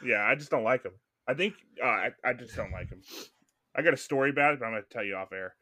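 A man's voice: mid-range voice, fast talker, bright, forceful tone, no echo. A man in his thirties co-hosting a casual sports podcast, blunt and profane, laughing often. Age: 30s. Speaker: podcast co-host.

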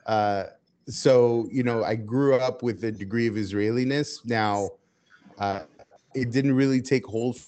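An interview guest with a mid-range voice, who grew up in the United States with Hebrew as his first language, answers questions at length. He speaks in a measured, steady way, often filling pauses with "uh."

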